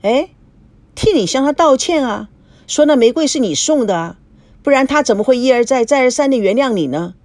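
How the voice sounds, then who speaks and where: A woman's voice: high voice, lively intonation, brisk, a little mellow, no echo, pitched above the performer's own voice. A woman voicing a cocky, needling young man who teases his friend in a storybook reading. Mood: defensive. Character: smug, teasing young man, a sly friend.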